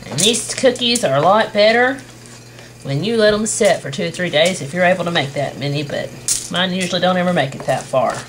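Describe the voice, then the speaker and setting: Young woman, folksy home-cooking host, lowish voice, noisy camcorder sound in a kitchen. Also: lively intonation, brisk. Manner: folksy, homey, step-by-step. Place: home kitchen with wooden walls.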